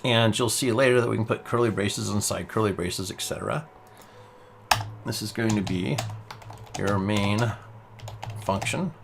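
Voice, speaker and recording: Patient male coding instructor, slightly low voice, walks through each step over soft typing. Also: background noise. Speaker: programming teacher. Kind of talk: screen-recorded coding tutorial.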